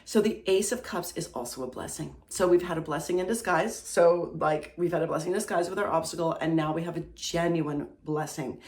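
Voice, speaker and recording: A woman giving a casual, animated tarot reading to her viewers, talking chattily with lots of fillers and frequent "okay?" check-ins. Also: sits low, a little fast, few pauses, roomy sound. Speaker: tarot reader.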